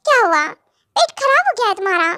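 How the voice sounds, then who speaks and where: A woman's voice: very high voice, big pitch swings, fast talker, pushed and bright, dry recording, studio quality, heavily acted. A woman voicing a playful, teasing young husband in a fan audio drama, joking and calling his wife baby. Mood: puzzled.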